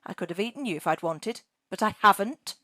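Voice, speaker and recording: A woman doing a sharp-tongued old dragon lady. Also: expressive, brisk, no room sound, studio quality. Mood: indignant. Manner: sharp, indignant, high-pitched scolding. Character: grumpy centuries-old female dragon, bookish hoarder. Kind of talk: storybook reading.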